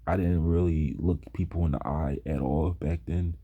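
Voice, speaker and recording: A young man casually telling stories about high school, laid back and slow, now and then mimicking his classmates' voices. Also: steady tone, mellow, breathy edge, muffled recording. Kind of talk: casual storytelling.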